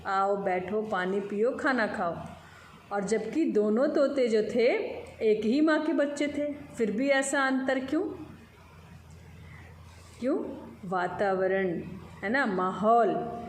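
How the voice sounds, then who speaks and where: A woman Hindi teacher speaking slowly and clearly to children in an online class from home. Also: a little high, expressive, a little mellow. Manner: slow, clear, patient teacher talk to children. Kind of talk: online class lesson with story reading. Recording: echoey room, faint background noise.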